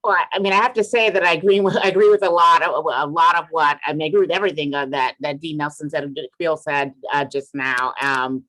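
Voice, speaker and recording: A man's voice: on the high side, fairly even intonation, fast talker, few pauses, pushed and bright, rough recording. A man who is a law school dean, answering on a video panel and starting hesitantly with many restarts and "I mean".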